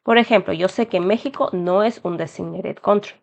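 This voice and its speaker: Speaking at a normal pace with some vocal fry, this mid-range female voice belongs to a young Peruvian adult with a Peruvian Spanish accent. As an immigration tutorial host, she explains an application form step by step, warmly addressing viewers as "chicos," on a slightly dull lo-fi recording.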